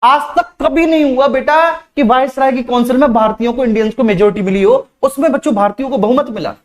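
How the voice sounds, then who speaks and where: A male teacher leads a live online class with a slow, deliberate delivery, repeating key points and addressing his students as "beta." His voice is very high.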